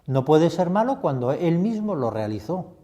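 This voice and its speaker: A man's voice: fairly high pitch, sing-song, normal speed, dark tone. A man, a priest leading a retreat meditation, reflective and putting many questions to the listener.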